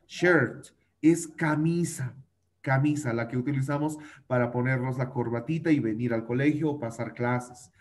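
A man's voice: medium pitch, steady tone, a little fast, few pauses, a little mellow. A male teacher giving an online class for children, patiently repeating vocabulary, drilling pronunciation and using fond diminutives. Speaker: English teacher.

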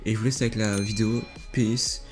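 A man's voice: fairly low pitch, steady tone, brisk, soft background music. A young man, a gaming YouTuber, rambling through casual reaction commentary on viewer clips and often repeating himself.

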